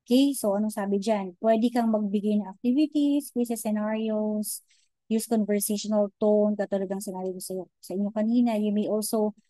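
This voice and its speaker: A woman giving an informal online lecture, mixing Tagalog and English, often checking in with "okay?" and pausing to search for words. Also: mid-range voice, steady tone, dark tone, dry recording, low-quality recording. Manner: chatty Taglish, frequent "okay?" and "di ba?" check-ins; many hesitations and restarts.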